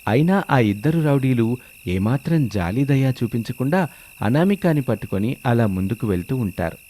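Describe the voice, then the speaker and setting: A man narrating a family story in a steady, measured way. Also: medium pitch, slight background noise.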